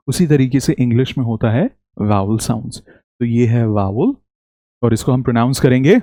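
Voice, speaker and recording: A man teaching English pronunciation in Hindi, leading slow repeat-after-me drills and praising often. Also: medium pitch, dark tone, dry recording, studio quality. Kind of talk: spoken English lesson in Hindi.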